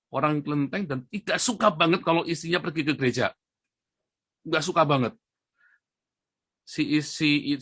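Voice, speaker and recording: A male pastor preaching a sermon, telling a story and rising to loud, high emphatic peaks before dropping to soft asides. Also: no echo, clean studio sound.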